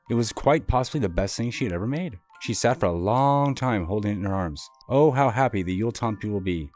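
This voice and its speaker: Brief: male storyteller, gentle kids' read-aloud, mid-pitched.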